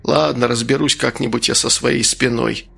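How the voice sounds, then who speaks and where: A man voicing a crude, cynical little man who speaks in a slow, mocking, unhurried way. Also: mid-range voice, fairly even intonation, creaky, a bit bright, breathy edge, soft background music, exaggerated voice. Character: crude, cynical small man with back pain.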